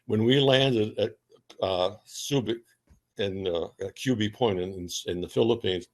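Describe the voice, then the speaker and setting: A man's voice: fairly low pitch, a little slow, darkish tone. An older man, a veteran remembering his life in a conversational, rambling, anecdotal way with repeated starts. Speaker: interviewee, retired Navy veteran.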